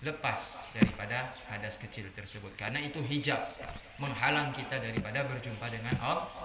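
A man preaching a religious study sermon to a group of women, telling lively stories and jumping higher in pitch for anecdotes. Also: fairly quick. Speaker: Islamic preacher. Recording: echoey room with background noise.

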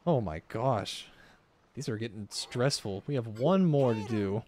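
Lively man giving casual gaming commentary. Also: medium pitch, measured pace, a little hiss or hum. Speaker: gaming video host. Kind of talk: casual let's-play commentary.

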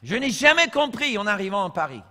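A man from the United States with an American accent, preaching a sermon as pastor, telling humorous stories and swinging from soft asides to shouted lines. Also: high voice, big pitch swings, brisk. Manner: humorous storytelling. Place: church. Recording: long church reverb.

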